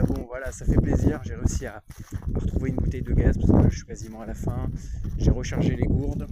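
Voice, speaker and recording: A man with a southern French accent, chatting casually and swearing freely as he vlogs while hiking through open fields at dusk. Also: medium pitch. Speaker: survival vlogger hiking and camping. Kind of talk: casual outdoor vlog. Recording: loud wind noise outdoors.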